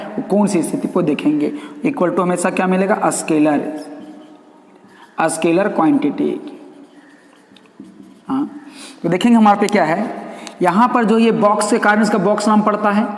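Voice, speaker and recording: High-voiced man teaching in an echoey room. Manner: repeats key terms, asks and answers own questions. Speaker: math teacher. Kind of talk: classroom lecture. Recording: echoey room with long reverb.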